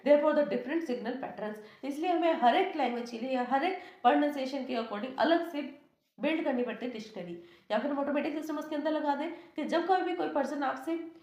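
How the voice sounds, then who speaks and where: High-voiced woman teaching in an echoey room. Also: darkish tone. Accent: Indian English. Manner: explains step by step, asks and answers own questions. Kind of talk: classroom lecture.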